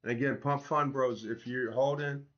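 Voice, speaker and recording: A man's voice: mid-range voice, steady tone, normal speed, lo-fi sound. A man chatting casually and slangily to livestream viewers as he works, his voice not fully back after tonsillitis, with a sore, swollen-throat sound. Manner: slangy, informal, addressing viewers directly. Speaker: livestream host building an app. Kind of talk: casual livestream chat while working.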